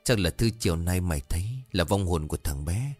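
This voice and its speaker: A wise old grandmother who speaks gently and reassuringly, voiced by a man. Her voice sits low and dry, with faint music behind. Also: brisk, dry recording. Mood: soothing.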